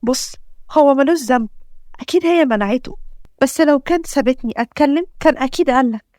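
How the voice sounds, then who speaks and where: A desperate young mother pleads for her children in a raised, anguished voice, as an Egyptian woman reads her. Her speech is quick and close. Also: high-pitched, a little mellow, no echo, lightly acted. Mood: pleading.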